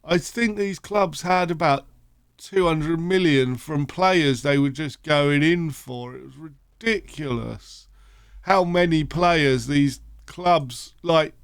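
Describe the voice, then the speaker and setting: A man's voice: fairly high pitch, slow, smooth, dry recording, studio quality. A sleepy man casually commentating his football management game, rambling and thinking aloud with lots of fillers. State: sleepy, yawning. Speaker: gaming channel host. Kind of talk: casual let's-play commentary.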